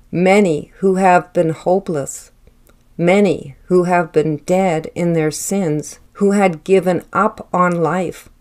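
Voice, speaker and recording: A woman delivering a prophetic word in a slow, measured and solemn manner, speaking in the first person as the Lord and then explaining it. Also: lowish voice, darkish tone.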